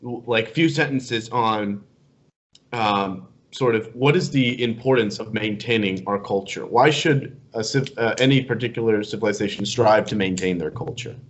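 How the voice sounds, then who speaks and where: A man's voice: on the low side, normal speed. A man hosting a casual interview, genial and often repeating words as he finds his phrasing. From Middle East. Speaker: podcast host.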